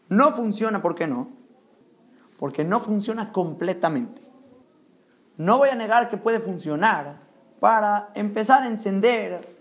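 A high-pitched man preaches a Torah sermon with rising emphasis. He drives his points home with rhetorical questions and sprinkles in Hebrew terms.

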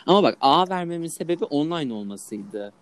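A man's voice: on the high side, animated, a little fast, no echo. A young man co-hosting a casual chat, joking and teasing his friend.

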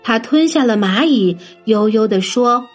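A woman narrating a children's story in a gentle, sing-song manner, addressing young listeners. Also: a little high, expressive, unhurried. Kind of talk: scripted bedtime story narration. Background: soft background music.

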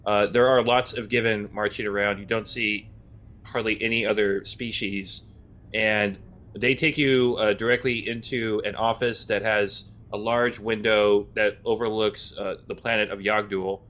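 A man with a lowish voice narrates a tabletop game as game master. He talks in an easygoing way, dotted with "uh"s, while he describes scenes. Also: unhurried. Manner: relaxed, filler-heavy narration.

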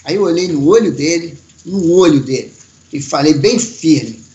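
A man telling a personal story in a casual, animated way, acting out the voices of the people in it. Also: a little high, moderate pace. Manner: animated, acts out quoted voices, slangy. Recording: roomy echoey sound.

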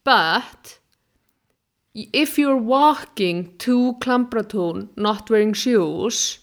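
A woman's voice: fairly high pitch, lively intonation, very slow. A woman from Iceland, chatting bluntly and opinionatedly. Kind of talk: casual chat.

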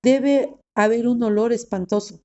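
A woman's voice: fairly high pitch, steady tone, unhurried, warm tone, dull audio, close to an everyday voice. A woman reading aloud the lines of Martha, a grieving, faithful woman. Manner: read aloud plainly.

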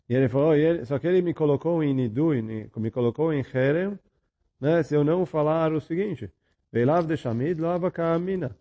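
A man teaching a Talmud study lesson, reading Aramaic phrases and then explaining them in a relaxed, conversational way. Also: a little high, moderate pace, lo-fi sound.

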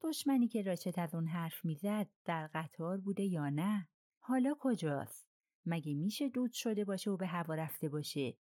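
Woman doing a railway director, excitable, exasperated, exclaiming, raised pitch, dry recording. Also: dry recording, close to an everyday voice. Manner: agitated, exclaiming.

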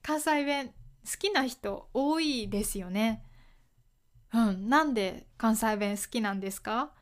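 Slow, gentle woman teaching Japanese. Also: on the high side. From Kyoto, Japan. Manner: gentle, friendly, explains words slowly and repeats them. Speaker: Japanese teacher and podcast host. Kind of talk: slow, clear podcast lesson.

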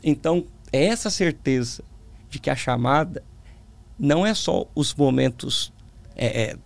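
Casting: Brazilian male preacher, gravelly fry, lisped sibilants, thoughtful conversational delivery with emphatic repetition. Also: on the high side, animated, a little slow. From Brazil, small town in the interior. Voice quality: tongue-tied lisp, slurred sibilants. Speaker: preacher, interview guest. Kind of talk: conversational religious testimony.

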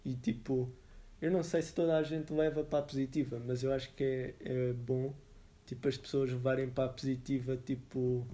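A young man in casual, slangy podcast chat, thinking aloud in halting repetitions. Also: medium pitch, level tone, warm tone. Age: young adult. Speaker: podcast co-host.

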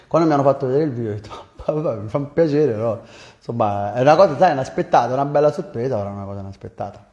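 A man's voice: mid-range voice, animated, very fast, darkish tone, muffled recording. A man from Campania with a Neapolitan accent, a singer explaining himself conversationally as an interview guest, with some hesitation. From Campania, southern Italy. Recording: roomy, echoing sound.

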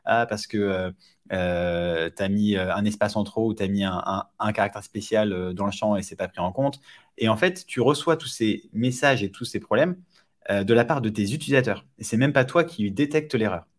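A man with a fairly low voice talks as a podcast guest. He explains in a relaxed, conversational way, with frequent hesitations and repeated words. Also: normal speed. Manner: hesitant, many fillers and restarts. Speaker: startup founder guest. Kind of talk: casual podcast interview.

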